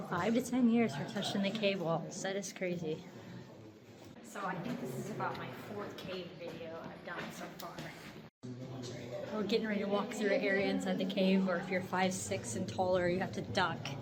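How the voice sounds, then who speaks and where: A woman's voice: medium pitch, fairly even intonation, normal speed, over a noisy crowd. A woman giving casual, chatty vlog commentary while on a cave tour, easily amazed by what she sees. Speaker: vlogger filming a cave tour. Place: inside a show cave on a tour. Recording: noisy handheld recording inside a cave.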